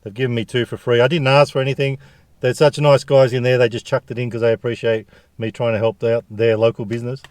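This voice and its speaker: A man's voice: mid-range voice, level tone, quick pace, a little mellow, no room sound. A man with an Australian accent chatting casually to viewers as a food review vlogger, jokey and full of slang.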